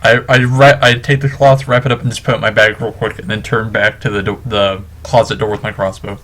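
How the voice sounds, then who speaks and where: A man's voice: on the low side, little pitch movement, brisk, fairly bright tone. A young man playing a tabletop game, describing his character's actions with hesitant, stammering restarts. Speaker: player.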